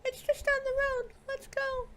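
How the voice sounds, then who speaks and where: A woman voicing a cheerful teenage girl at a summer camp, reading game dialogue aloud in a high, sweet girlish voice. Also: flat delivery, a little slow, pushed and bright, a little hiss or hum, heavily acted. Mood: bright.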